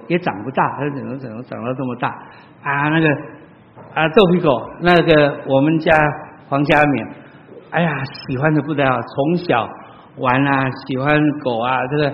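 A man preaching a sermon, telling stories and addressing the congregation, swinging between loud exclamations and soft asides. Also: medium pitch, slight background noise. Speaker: pastor. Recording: long hall reverb, dull lo-fi sound.

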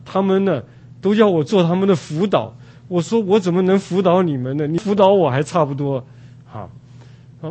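An older man from Taiwan preaching a sermon at an unhurried pace, with many drawn-out "ah" fillers. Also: sits high, darkish tone, slightly rough.

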